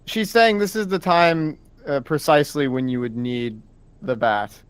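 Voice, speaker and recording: A man's voice: on the high side, a little slow, smooth, no echo. A man tutoring Japanese on a casual livestream, explaining word meanings patiently.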